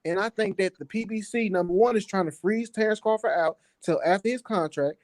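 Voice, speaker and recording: Guy from new orleans, pretty high voice, arguing sports, defensive n slangy, keeps repeating himself, dry sound. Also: brisk, no room sound. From New Orleans, United States. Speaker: guest debater on a boxing talk show. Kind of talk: heated casual sports debate.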